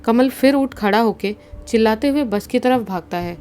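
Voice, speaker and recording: A woman narrating a horror story in a steady, suspenseful storytelling manner. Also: on the high side, normal speed.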